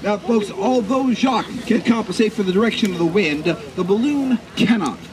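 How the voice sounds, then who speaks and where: A grandiose male showman with a fairly high voice that swings widely in pitch. He delivers theatrical carnival barker patter, stretching key words for drama and addressing onlookers with mock formality. A live crowd can be heard around him. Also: expressive, moderate pace, poor audio. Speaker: flea circus showman and host. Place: live public show at a community event. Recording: live event with crowd noise behind. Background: audience crowd.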